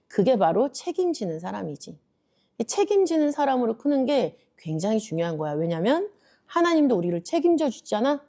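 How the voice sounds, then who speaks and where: A woman preacher gives a gentle children's Bible lesson, speaking as a mother to her child. She asks questions and answers them herself, soft and patient. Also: mid-range voice. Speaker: junior preacher teaching a parents' lesson.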